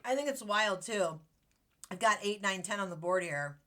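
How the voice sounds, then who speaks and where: Woman tarot reader, casual and gushing, talks straight to her viewers with a crisp, bright voice. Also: medium pitch, moderate pace. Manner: bubbly, chatty, affectionate, many fillers and "like".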